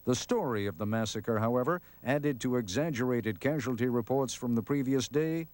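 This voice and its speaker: A man narrating a television news documentary in a measured, solemn scripted delivery. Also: medium pitch, a little mellow, slight background noise.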